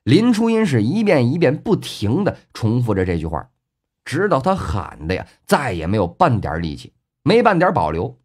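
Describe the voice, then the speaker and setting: A man narrating a web novel audiobook in a colloquial storyteller style, full of drawn-out filler particles. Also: mid-range voice, wildly swooping pitch, a little mellow, breathy edge.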